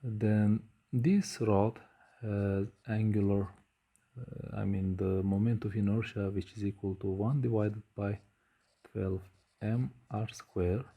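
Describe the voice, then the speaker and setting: A man lectures on physics at a board, his voice low and very dark in tone. He speaks slowly and pauses often with hesitant fillers as he writes. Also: steady tone, creaky, slightly rough. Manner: slow, measured, frequent hesitations with uh. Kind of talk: whiteboard lecture.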